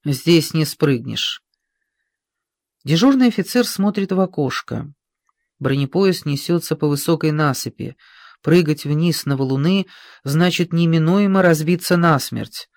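An audiobook narrator reading a war novel in an even, unhurried storytelling manner. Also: medium pitch, no room sound, studio quality.

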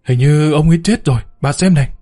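A man voicing a gruff, sleepy middle-aged male neighbor in a spoken story, talking bluntly. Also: fairly high pitch, fast, mellow, lightly acted.

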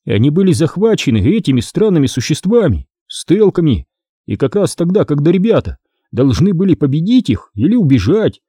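An indignant twelve-year-old boy who insists and grumbles, as a male reader puts him on. The pitch is lifted above a dark, husky natural voice, with a lively, bouncing delivery. The sound is close and dry. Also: a little fast, no room sound. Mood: exasperated. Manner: exasperated, insistent. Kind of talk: audiobook character voice.

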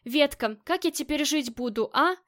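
A woman reading the lines of a grieving, hot-tempered female gang boss in an audiobook, moving between flat weariness and sharp commands. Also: sits high, moderate pace. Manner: shifts between flat weariness and angry shouting.

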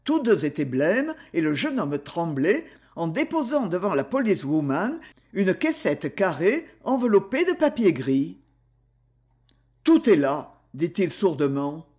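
Woman audiobook narrator, unhurried, expressive melody. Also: fairly low pitch. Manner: slow, expressive reading. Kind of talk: scripted narration of a novel.

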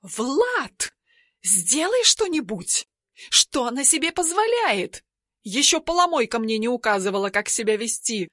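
Woman doing a haughty spiteful young woman, shrill, sneering, dry close sound. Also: animated, unhurried, a bit bright, no room sound. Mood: furious.

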